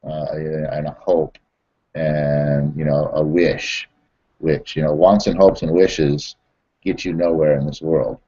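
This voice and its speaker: A man who trains network marketers, telling stories and recapping a lesson in a halting way full of fillers and repeated words. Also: very deep voice, level tone, mellow, slightly rough, lo-fi sound. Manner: repetitive, halting, many fillers and restarts. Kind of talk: storytelling and motivational training recap.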